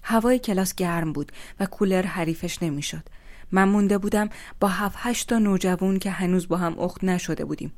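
A woman with a somewhat low voice tells a personal story in the first person. Her delivery is steady and reflective. She sounds like a young adult.

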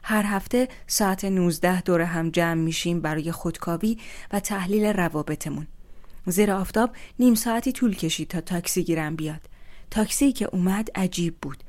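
A woman with a somewhat low voice tells a personal story in the first person. Her delivery is steady and reflective. She sounds like a young adult.

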